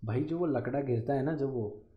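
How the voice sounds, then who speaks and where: A man's voice: medium pitch, moderate pace, echoey room, lo-fi sound. A man co-hosting a casual movie review chat, animatedly retelling scenes and mixing English words into his talk. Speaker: podcast co-host.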